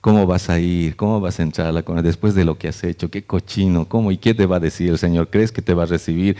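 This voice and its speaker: A man's voice: deep voice, fairly even intonation, fast talker, dark tone, pitched below the performer's own voice, close to an everyday voice. A man voicing the enemy, an accusing voice that scolds and taunts with rhetorical questions. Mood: scornful.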